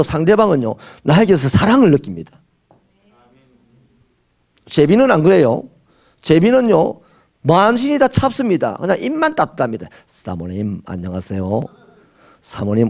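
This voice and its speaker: A middle-aged pastor with a Gyeongsang accent preaching with humor, often slipping into little acted-out exchanges. His voice sits fairly high for a man and swings widely up and down. A gravelly rasp runs through his delivery. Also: a little mellow. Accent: Gyeongsang Korean. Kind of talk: sermon.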